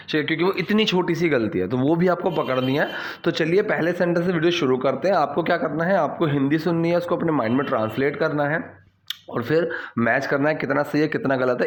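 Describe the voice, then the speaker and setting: A young man, a Hindi speaker, teaching English in a casual spoken lesson, repeating example sentences slowly with lots of fillers. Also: fairly high pitch.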